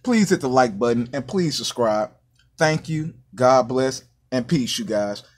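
A man's voice: medium pitch, animated, a little slow. An American man hosting a casual food review vlog, upbeat and chatty, often addressing his viewers and dropping catchphrases. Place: small indoor counter by a sink.

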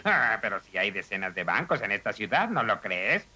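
A man's voice: on the low side, very animated, normal speed, pushed and bright, husky, full character voice. A man voicing a smug, scheming, greedy crime boss in a Spanish cartoon dub, talking in a menacing way.

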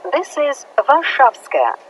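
A woman giving slow, formal recorded station announcements over a metro train intercom. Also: high-pitched, huge pitch swings, far from the mic, slight background noise, low-quality recording.

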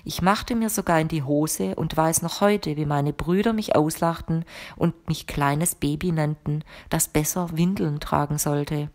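A woman narrating an audiobook in the first person with a measured, even reading. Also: low-pitched.

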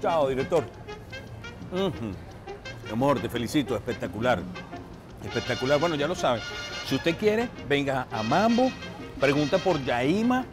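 A middle-aged man hosting an outdoor food and drink segment, playful and flirtatious, pitched a little high for a man. He talks straight to the camera from an open-air bar, with loud music behind him. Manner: playful, flirtatious, addresses viewers directly. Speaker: travel show host. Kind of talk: lively on-location presenting.

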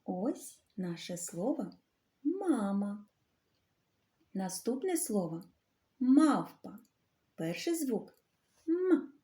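A woman teaching a literacy lesson to young children. She talks slowly and clearly and draws out the sounds. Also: mid-range voice, very animated, mellow. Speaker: primary school teacher.

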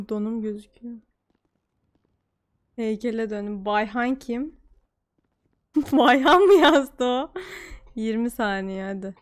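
A woman with a high voice talks slowly through a casual role-play session. Her complaints come in drawn-out sighs. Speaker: streamer playing a role-play character.

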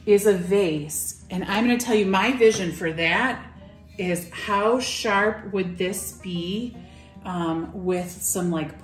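Chatty woman showing off farmhouse decor, echoey room, faint music behind her. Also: mid-range voice. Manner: chatty and enthusiastic, lots of fillers. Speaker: shop host presenting items for sale. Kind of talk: casual product showcase. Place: indoor shop room full of farmhouse decor.

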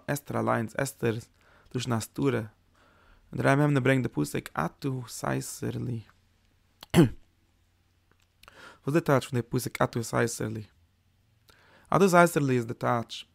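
This man is a Torah teacher leading a Kabbalah lesson, and he speaks haltingly, often repeating words and starting phrases over. The recording is studio quality with no room sound, capturing his medium-pitched voice with vocal fry.

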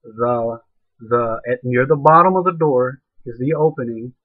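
Man, husky voice, loose rambling lesson-giver, dry phone-like recording. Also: medium pitch, a little slow, no room sound. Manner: rambling, frequent "okay" and fillers, spells out words. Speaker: channel host explaining ninja history. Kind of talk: casual explanatory lesson. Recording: dry, phone-like narrow sound.

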